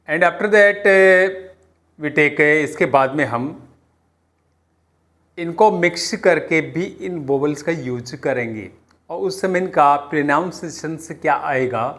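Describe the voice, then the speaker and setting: Very slow-speaking Indian man teaching phonics. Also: a little high, a bit bright. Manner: switches between halting English and Hindi explanation; slow, deliberate, with many pauses and fillers. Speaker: coaching class teacher. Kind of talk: classroom phonics lesson.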